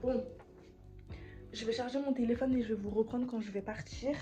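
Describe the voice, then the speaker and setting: A woman's voice: fairly high pitch, steady tone, normal speed, mellow. A woman, chatting casually as she vlogs. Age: late teens. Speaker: vlogger. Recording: muffled lo-fi sound, music behind.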